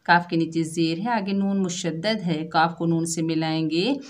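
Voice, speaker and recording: A woman's voice: fairly low pitch, steady tone, normal speed. A woman with an Urdu accent teaching Quran recitation online, explaining each rule step by step and modelling sounds for students to repeat.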